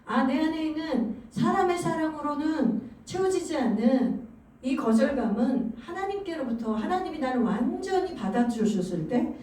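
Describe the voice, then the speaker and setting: A middle-aged woman pastor preaching a sermon, animated and acting out what spouses say to each other. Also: high voice. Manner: animated, acts out spouses' lines in quoted voices. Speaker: senior pastor. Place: church sanctuary. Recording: echoey church hall, far from mic.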